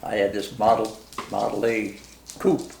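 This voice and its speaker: A very old man with a rural American Midwestern accent and a gravelly voice, remembering his life as a veteran in a halting, plain-spoken, folksy way during a casual interview. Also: lowish voice, level tone, a little mellow, slight background noise. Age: very old, 90s. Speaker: war veteran being interviewed. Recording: roomy, echoing interview recording.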